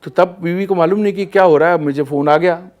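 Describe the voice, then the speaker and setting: A male singer, a guest on a talk show, telling anecdotes in an animated way and often laughing as he goes. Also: high voice, fast, lo-fi sound. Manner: lively storyteller, acts out scenes and laughs often.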